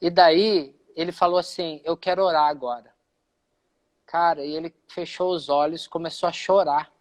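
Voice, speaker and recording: A man's voice: on the high side, fairly even intonation, normal speed. A man with a Brazilian Portuguese accent, a pastor giving a personal testimony in a live conversation, who acts out the dialogue he quotes.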